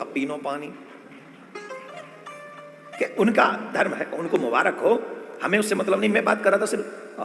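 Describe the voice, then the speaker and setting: A man's voice: high-pitched, gravelly. A man giving a devotional sermon with comic stories, who acts out family members in a village dialect. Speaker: spiritual storyteller. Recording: echoey hall with faint music.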